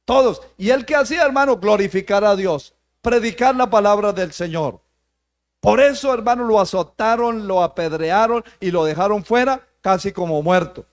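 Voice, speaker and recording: High-voiced pastor preaching. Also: male voice, normal speed. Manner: preaching with rising emphasis, repeating "hermano". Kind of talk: sermon.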